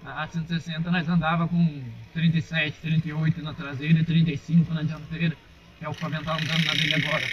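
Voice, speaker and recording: A young Brazilian motovlogger talks fast in a slightly high voice with flat delivery, chatting casually to his "rapaziada" as he rides a motorcycle along a dirt road. His Brazilian Portuguese comes through a muffled helmet-mounted action camera, with engine and wind noise in the mix.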